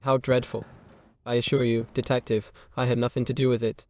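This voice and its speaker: A man voicing a flat, formal oddities collector. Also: medium pitch, fairly quick, lightly acted. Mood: courteous. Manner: formal, courteous, keeps asking questions. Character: polite, nosy male collector of oddities. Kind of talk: game character dialogue.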